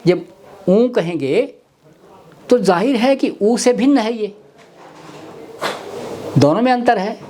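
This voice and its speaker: A man giving a Hindi grammar lecture, deliberately repeating sounds and words to demonstrate their pronunciation. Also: high-pitched, animated, dark tone. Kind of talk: slow explanatory webinar lecture. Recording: faint background noise with clicks.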